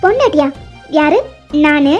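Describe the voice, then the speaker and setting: This woman's high voice is animated but a little slow, with a darkish tone, as she dubs the female lead of an animated love story. Her character, an angry young mother, scolds and rejects the man who wronged her, clearly exasperated. The sound is lo-fi and dull, with faint music behind it.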